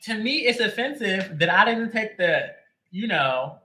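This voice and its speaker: A male tarot reader, high-pitched and sharp-toned, talks at a measured pace with lively intonation while chatting with livestream viewers before a reading. He greets people by name between joking asides, and the audio is poor.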